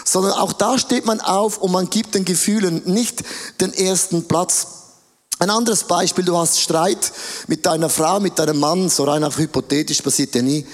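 A man delivers a sermon, playful and animated, often slipping into little acted voices. His voice sits high, and the sound carries the long echo of a large hall. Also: moderate pace. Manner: animated, playful, acts out quotes. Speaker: preacher. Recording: reverberant hall.

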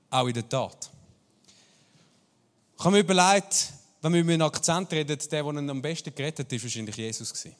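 A Swiss man with a Swiss German accent, preaching a sermon as a pastor and talking to the congregation in a conversational way. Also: on the high side. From Switzerland. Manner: conversational, addresses listeners directly. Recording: long hall reverb.

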